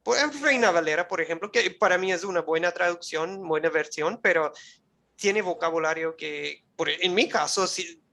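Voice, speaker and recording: This teacher's voice is mid-range and sharp-toned at a moderate pace, delivering a live online Bible class in Spanish, a second language for them. They talk conversationally, regularly check in with the audience, restart phrases while searching for words, and finish with a prayer.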